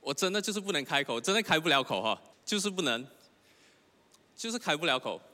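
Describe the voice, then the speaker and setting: A young man preaches with a bright, forceful tone. He repeats his phrases earnestly and keeps turning to the congregation with questions. His voice rings out in a church hall with a long reverb. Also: on the high side, big pitch swings, brisk. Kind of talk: sermon with personal testimony.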